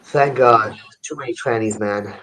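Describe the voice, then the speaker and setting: A man's voice: medium pitch, unhurried. A man in his twenties talking bluntly and crudely in a casual group chat, often restarting his sentences. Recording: noisy recording with audible hiss.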